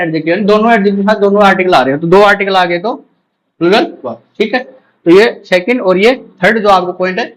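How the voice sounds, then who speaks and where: A man with a high voice teaches English grammar to exam candidates. He explains in Hindi with English terms mixed in. He repeats each rule and checks understanding with short questions. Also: low-quality recording. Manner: repeats key terms, asks the class quick check questions. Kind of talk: exam-prep grammar lecture.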